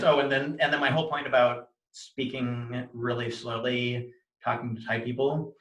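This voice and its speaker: This speaker is a man with a mid-range, slightly bright voice, talking casually about his personal experience of cluttering. He repeats words and syllables often, restarts his phrases, and self-corrects in a disjointed, halting way, captured on a roomy, echoey video.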